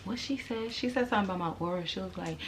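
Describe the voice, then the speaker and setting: A woman's voice: mid-range voice, quick pace, slight background noise. A young American woman telling a personal story casually, in an informal, candid and emphatic way, repeating and drawing out words. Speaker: vlogger.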